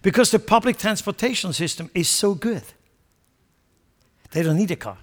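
A man preaches in a fairly high voice. He leans hard on key phrases, then drops to quiet asides and chuckles at his own jokes. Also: expressive, normal speed. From Switzerland. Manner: emphatic, swings between loud stressed phrases and quiet asides. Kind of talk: sermon.

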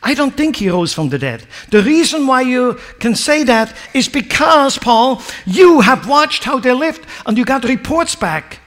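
High, lively-voiced preaching man. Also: measured pace, hardly any pauses. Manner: emphatic preaching, rising to near-shouts and dropping low; asks the congregation rhetorical questions. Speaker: pastor. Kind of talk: sermon.

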